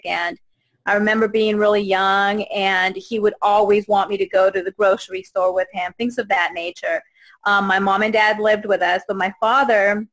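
A woman in her thirties from Guatemala, a guest telling her own story on a video call, earnest and halting with many fillers and restarts. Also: mid-range voice, fairly bright tone, low-quality recording. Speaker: interview guest. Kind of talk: personal testimony in a video call. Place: indoors, small room. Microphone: video call webcam.

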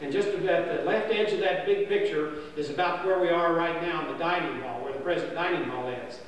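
An older man tells a folksy camp history in a rambling, homespun voice, pitched fairly high for a man and full of fillers and restarts. He is heard from a distance across a dining hall, wrapped in long, roomy reverb with a faint hum under it. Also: fairly quick. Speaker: camp storyteller. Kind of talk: folksy spoken history tale. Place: indoor dining hall by a stone fireplace. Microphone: far camera.

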